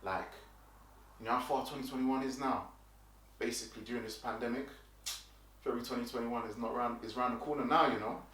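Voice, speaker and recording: A man's voice: medium pitch, brisk, long pauses, a bit bright. A man hosting a casual boxing news roundup, chatty, with fillers and restarts. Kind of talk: casual commentary. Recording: roomy and distant from the mic.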